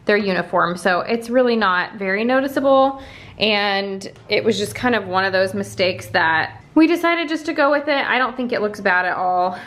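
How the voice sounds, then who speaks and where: A woman's voice: mid-range voice, normal speed, fairly bright tone. A woman chatting casually to camera as a home makeover vlogger, explaining her DIY steps in an informal way.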